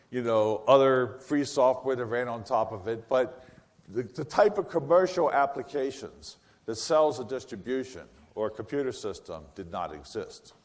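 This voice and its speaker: An older man giving a conference talk, telling animated stories full of wry asides and quick self-corrections. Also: mid-range voice. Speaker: conference speaker. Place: large conference hall. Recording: reverberant hall.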